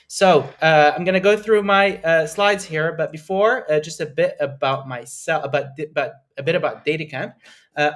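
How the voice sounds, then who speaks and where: A young Lebanese man hosts and presents a live online webinar, speaking with enthusiasm in a conversational way, full of fillers and "right?" tags. His voice is on the high side with a fairly bright tone.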